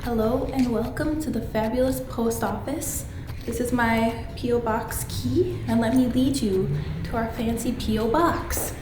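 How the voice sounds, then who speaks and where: On the high side and at a measured pace, a young adult woman vlogs casually, her voice slightly congested from a cold. She comes across bubbly and playful and laughs often. The roomy recording carries music behind her, moving from living room to post office.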